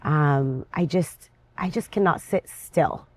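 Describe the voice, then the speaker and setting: A woman from Lebanon, an interview guest, talking in a lively, chatty and restless way. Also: sits low, takes it slowly. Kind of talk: casual interview conversation.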